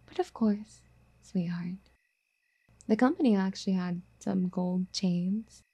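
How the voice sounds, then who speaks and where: This is soft, intimate ASMR roleplay in which a woman plays a clingy, adoring yandere girlfriend for an audio drama. She speaks at a medium pitch in a breathy, gentle, mellow tone, coaxing and loving but with an undercurrent of possessiveness.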